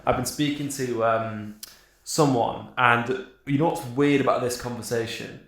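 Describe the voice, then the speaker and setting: A man's voice: mid-range voice, fairly even intonation, a little slow, fairly bright tone. A young man co-hosting a podcast. He rambles through a story, swears casually and laughs often. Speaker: podcast co-host. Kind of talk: casual chat. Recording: very echoey room.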